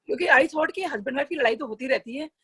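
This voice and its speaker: A woman's voice: high-pitched, quick pace, bright, forceful tone. A middle-aged woman telling a personal devotional story in a chatty, earnest way, often slipping into English phrases. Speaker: satsang devotee sharing a personal experience. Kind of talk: casual spoken testimony.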